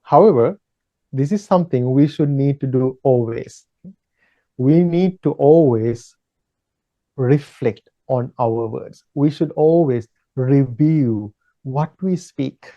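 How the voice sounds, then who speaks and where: A man who is a Buddhist monk, teaching a slow, measured dharma talk in a gentle, repetitive way with pauses and fillers. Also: mid-range voice, lo-fi sound.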